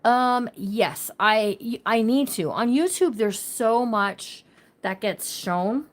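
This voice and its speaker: A woman's voice: on the high side, lively intonation, slow. A woman hosting a casual craft livestream. She chats with viewers by name and thinks aloud while she works. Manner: says she talks loud.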